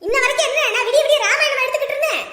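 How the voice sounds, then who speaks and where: A woman's voice: very high-pitched, very fast, very noisy. A woman playing a bitter married daughter who sarcastically blames her family for her ruined life, in a comedy skit. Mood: accusing. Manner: scolding, accusing, sarcastic. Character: bitter wronged married daughter, sent away by her husband. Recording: echoey room with long reverb.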